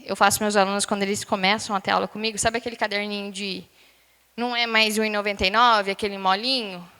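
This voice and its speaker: A woman teacher gives a lively review lecture to a class, often questioning students and drawing out words. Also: medium pitch, fast, clean tone. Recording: long hall reverb.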